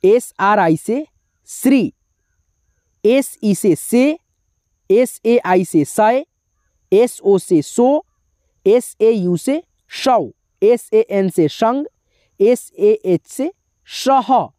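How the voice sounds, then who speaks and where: A woman's voice: a little high, animated, drawn-out words, pauses often, mellow, no room sound, clean studio sound. A woman teaching a spelling lesson, reading out syllables one by one and adding short explanations. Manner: drills syllables letter by letter, adds brief explanations.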